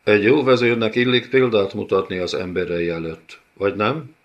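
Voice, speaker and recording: Through a muffled recording, a man with a fairly low voice lightly acts an audiobook's huge, cruel male beast-warlord. He taunts in a sneering, mock-tender way, his mood gloating and cruel.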